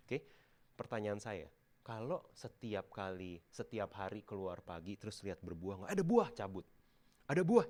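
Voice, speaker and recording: Man, thirties, pastor, lively sermon, laughs often. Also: fairly low pitch. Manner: animated, mixes English into Indonesian, laughs often. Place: church auditorium.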